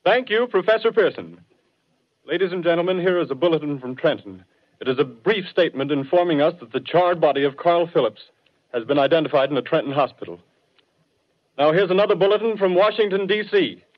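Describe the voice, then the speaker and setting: High-voiced old newsreel announcer. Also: male voice, animated, a little fast. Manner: crisp formal bulletin delivery. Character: male studio announcer reading urgent bulletins. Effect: old newsreel-style broadcast announcing. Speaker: radio announcer. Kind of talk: 1930s radio drama. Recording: dull lo-fi 1930s radio recording.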